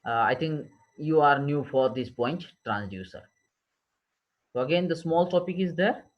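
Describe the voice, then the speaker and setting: A lecturer slowly dictates engineering notes, repeating each term so his class can write it down. His voice sits a little high for a man. The audio is dull and lo-fi, like an online class. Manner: slow, repetitive dictation, switching between English and Marathi.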